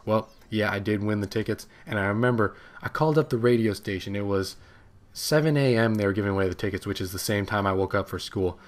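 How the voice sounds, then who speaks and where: A young man in his late teens tells a personal story as commentary over gameplay. He rambles and gets excited as he goes, in a voice that sits a little low. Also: fast. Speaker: gaming channel host.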